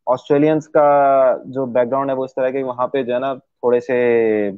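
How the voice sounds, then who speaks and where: A man's voice: medium pitch, level tone, darkish tone, clear, resonant tone, dry recording. Hesitant man, tinny and dry. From Pakistan. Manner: hesitant, many drawn-out fillers. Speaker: interview guest. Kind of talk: explanatory conversation. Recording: dry, tinny phone-like sound.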